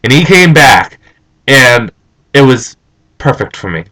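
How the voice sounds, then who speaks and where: An animated young man in a casual vlog, ranting with strong opinions. His voice is an average male pitch, and he moves between excited storytelling and flat, low disdain. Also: slow, low-quality recording. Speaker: vlogger.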